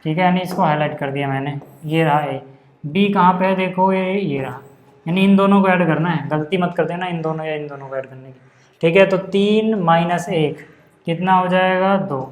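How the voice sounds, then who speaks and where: A man teaching a maths lesson in a casual, chatty way, often checking that his students follow. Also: a little high. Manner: chatty, keeps checking in with the class. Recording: roomy echo.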